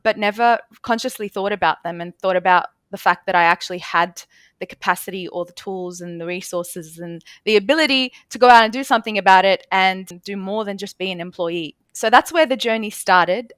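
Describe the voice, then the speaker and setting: A woman's voice: medium pitch, fairly bright tone, clean tone, dry recording. A woman, telling her story as a podcast guest, earnest and fluent with many "you know" fillers. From Australia (born in Lebanon). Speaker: guest, lawyer and Airbnb host.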